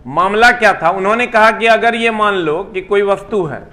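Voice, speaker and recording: Bright-voiced science teacher. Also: male voice, sits high, normal speed. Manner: chatty, teasing, rhetorical questions to students. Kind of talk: live online classroom lecture.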